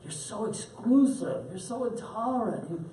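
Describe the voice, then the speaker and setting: A mocking, wheedling pagan Greek man, put on by a male teacher in a high, needling voice. He taunts and coaxes in turn, pushy and scornful. The sound is roomy and picked up from a distance, with faint noise behind. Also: animated, moderate pace, dark tone. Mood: taunting. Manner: taunting, coaxing.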